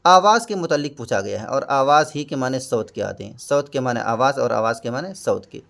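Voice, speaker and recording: A man's voice: mid-range voice, expressive, creaky, a bit bright. A man teaching exam prep, going through each question patiently and glossing every term with a simpler word. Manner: patient, repeats and glosses terms.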